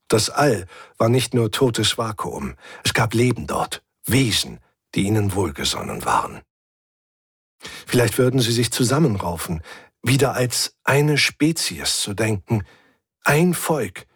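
A man narrating a first-person science-fiction audiobook in a calm, measured, reflective way. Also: medium pitch, husky, dry recording, studio quality.

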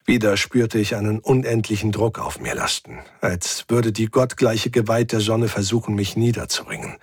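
A man reads a first-person adventure with steady tension, his voice a little husky. The recording is dry, with no room sound. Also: moderate pace, no echo. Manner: tense, voices characters by pitching up. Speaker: audiobook narrator. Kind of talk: dramatic first-person audiobook reading.

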